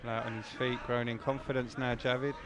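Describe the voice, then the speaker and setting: Male fight commentator over loud crowd. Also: mid-range voice, little pitch movement, fast talker. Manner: clipped present-tense phrases. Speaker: MMA commentator. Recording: loud venue crowd noise behind.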